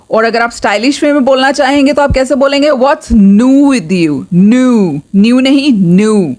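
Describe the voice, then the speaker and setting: A woman teaching spoken English, repeating each practice phrase twice in a slow, careful drill. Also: high voice. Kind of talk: language lesson.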